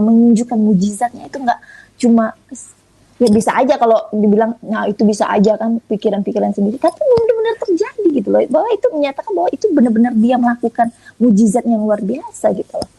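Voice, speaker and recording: A woman from Indonesia tells her testimony in a conversational, animated way and acts out each line of quoted dialogue. Her voice sits a little high and is soft and husky with a mellow tone. The sound is dry and close. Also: fast, dry recording, rough recording. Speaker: guest giving a testimony. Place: online audio room.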